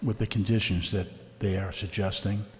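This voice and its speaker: A man on a planning board, relaxed and dry-humored, giving brief comments at a public meeting. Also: lowish voice, moderate pace, long reverb tail.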